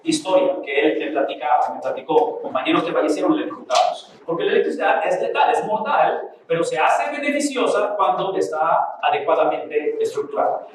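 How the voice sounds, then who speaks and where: A man leads a Bible lesson in a slightly high voice. He talks with animated energy and keeps turning to the class with rhetorical questions. His tone is that of a teacher working through a passage with students. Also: brisk, slight background noise, poor audio.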